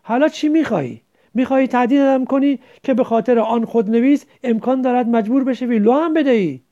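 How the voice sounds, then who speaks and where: A man's voice: sits high, sing-song, gravelly, dark tone, lo-fi sound, heavily acted. A man voicing a curt, irritable man. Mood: angry.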